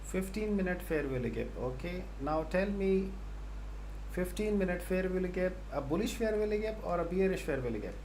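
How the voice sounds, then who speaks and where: A man's voice: sits high, lively intonation, moderate pace, a little mellow, a little hiss or hum. A man giving live market commentary, talking to viewers and often repeating himself. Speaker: live stream host and trading analyst.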